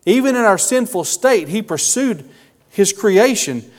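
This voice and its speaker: A man's voice: sits high, animated. Earnest man preaching in a reverberant hall. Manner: earnest, emotional, slow emphatic phrasing. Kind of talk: sermon.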